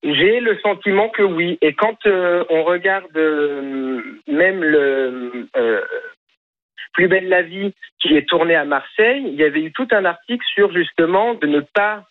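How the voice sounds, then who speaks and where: A male radio caller who speaks hesitantly and fills his pauses with filler sounds. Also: on the high side, no echo. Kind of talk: phone-in chat. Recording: tinny phone line.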